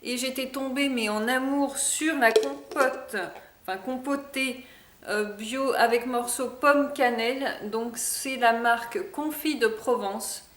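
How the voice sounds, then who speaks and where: A woman's voice: a little high, slow pace, a bit bright, reverberant, a little hiss or hum. A woman chatting casually in a product review vlog, hesitant with many fillers. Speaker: vlogger.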